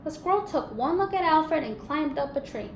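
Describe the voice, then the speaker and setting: Her voice is high and expressive, moving at a moderate pace, as this teacher reads a storybook to young pupils, prompting them with questions and affirming what they say. The audio carries a roomy echo and faint background noise.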